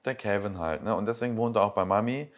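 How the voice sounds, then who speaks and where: A man's voice: lowish voice, fast talker, faint music behind. A man giving casual reaction commentary, sarcastic and exasperated, rambling as he picks apart what he watches.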